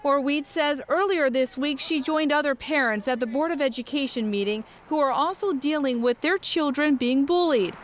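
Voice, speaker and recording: A woman narrating a news package as voice-over in a clear, formal way. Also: high-pitched, moderate pace, hardly any pauses. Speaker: news reporter.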